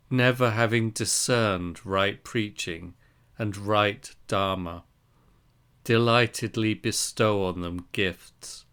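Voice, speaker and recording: A man reading a translated Buddhist scripture aloud in measured, deliberate phrases. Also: lowish voice, fairly bright tone, smooth. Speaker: reader of a Zen Buddhist text.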